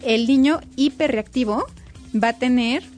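A woman's voice: high voice, unhurried, a little mellow, faint music behind. Woman explaining child development. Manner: explanatory, emphatic, quotes parents in raised voice. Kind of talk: casual expert chat.

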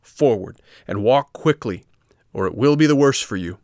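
A man's voice: on the low side, normal speed, no room sound, studio quality, natural voice. A man voicing stern soldiers who give curt commands in a storybook reading. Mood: commanding.

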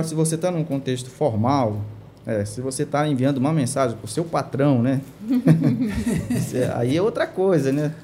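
A man's voice: a little high, mellow, a little hiss or hum. A man explaining language use on a talk show panel, patient and full of tag questions. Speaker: language teacher guest.

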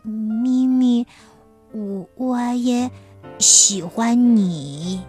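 A timid little storybook cat played by a woman, soft and hesitant. The words come very slowly and haltingly over music. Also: a little high, husky, heavily acted. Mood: shy, tender.

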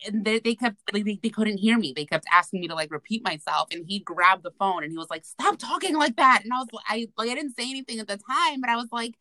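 A woman's voice: mid-range voice, lively intonation, fast talker, few pauses, sharp tone, dry recording. A woman co-hosting a podcast, chatting casually and telling rambling stories full of fillers. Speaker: podcast co-host. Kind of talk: casual chat.

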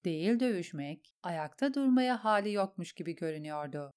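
A woman narrating an audiobook in a steady, measured storytelling voice. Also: fairly low pitch, smooth. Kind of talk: audiobook reading.

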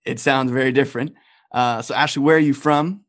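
A man's voice: medium pitch, steady tone, fairly quick, a bit bright. A man hosting a podcast, talking casually and conversationally with his guest. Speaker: podcast host.

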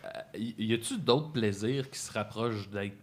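A man's voice: fairly low pitch, normal speed, a crowd in the background. A man with a Québécois accent, a guest telling a long rambling anecdote on a chat show.

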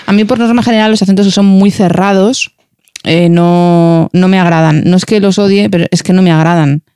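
A woman chatting casually as a podcast co-host, opinionated and quick to laugh. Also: on the low side, fairly even intonation, dark tone, clear, resonant tone, dry recording. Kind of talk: casual chat.

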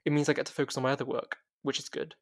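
A man's voice: mid-range voice, little pitch movement, very fast, natural voice. A man reading as a weary young woman investigator. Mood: subdued.

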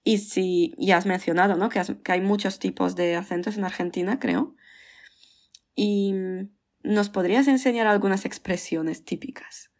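A woman's voice: medium pitch, moderate pace, darkish tone. A woman hosting a podcast who asks questions in a friendly, casual way with hesitant fillers. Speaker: podcast host. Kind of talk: casual interview chat.

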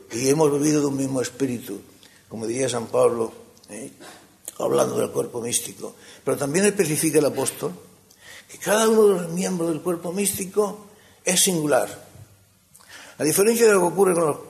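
A man delivers a sermon in a gravelly voice of middling pitch. His phrasing climbs into emphatic peaks and then drops to near-whispered stretches. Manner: swings between emphatic rises and hushed, soft passages. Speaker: preacher.

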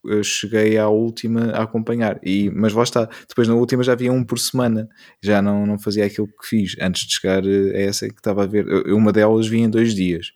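A young man in casual chat, haltingly thinking aloud as he goes. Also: on the low side, flat delivery, a little mellow.

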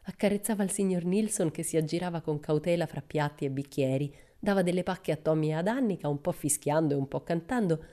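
A woman reading a children's storybook aloud as narrator, in a measured, expressive way. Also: low voice. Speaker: audiobook narrator.

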